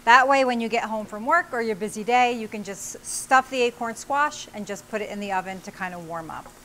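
Her fairly high, fairly bright voice moves along quite quickly as she cooks on camera. The woman, in her forties, hosts a cooking show from a small studio kitchen, offering friendly instructions one step at a time through a lapel mic with slight background noise.

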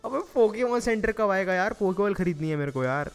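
A man's voice: high-pitched, animated, a little fast, clean tone. A young man with an Indian Hindi accent giving casual, chatty commentary on a game he is playing, groaning dramatically and pleading with the game. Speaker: gaming YouTuber. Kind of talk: casual Let's Play commentary. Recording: faint music behind.

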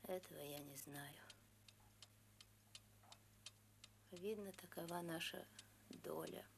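An actress playing a sorrowful, stoic village mother in a film's inner monologue, hushed, solemn and resigned. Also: fairly low pitch, normal speed, vocal fry, noisy background. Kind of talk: film drama inner monologue.

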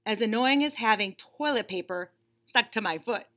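Bright and forceful, her voice sits on the high side as she reads a picture book at a moderate pace, animated throughout. She is a teacher and read-aloud storyteller in her thirties, expressive and instructive, seated in a small indoor room.

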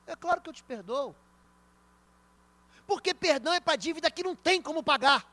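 A man with a Brazilian accent, a pastor preaching a sermon in church, telling stories and speaking straight to the congregation with emphatic swings between loud and soft. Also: very high voice, animated, fairly quick, dry recording. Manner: storytelling, addressing the congregation directly.

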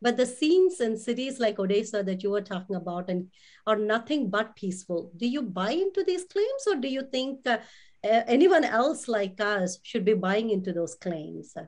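A woman's voice: on the high side, lively intonation, moderate pace, a little mellow. A woman hosting a talk show, introducing and questioning her guest with enthusiastic praise. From immigrant. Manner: enthusiastic, complimentary. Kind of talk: interview host.

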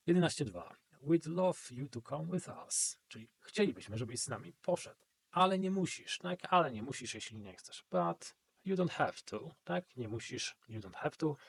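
In a mid-range voice that is creaky and slightly rough, a Polish-accented man explains English grammar for exam preparation. He builds the lesson one step at a time, constantly asking "right?" to make sure he's followed.

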